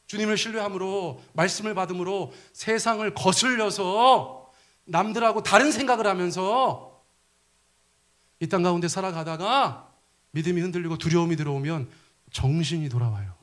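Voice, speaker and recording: A middle-aged male pastor preaching a sermon, asking the congregation questions and acting out quoted lines. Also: high-pitched.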